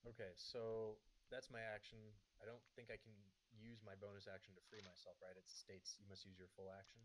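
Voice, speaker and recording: A man's voice: fairly low pitch, level tone, a little fast, a little hiss or hum, rough recording. A man talking casually as a player in a tabletop role-playing game.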